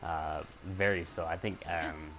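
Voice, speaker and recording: Soft-spoken, hesitant deep-voiced man. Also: fairly even intonation, a little slow, a little hiss or hum, low-quality recording. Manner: hesitant, soft-spoken, many fillers and restarts. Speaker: game streamer. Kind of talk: casual stream chat.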